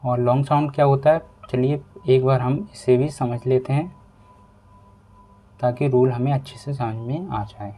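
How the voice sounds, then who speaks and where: A man teaching a pronunciation lesson, explaining rules slowly and repeating each step. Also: mid-range voice, warm tone. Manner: slow, repetitive explaining. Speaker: English teacher.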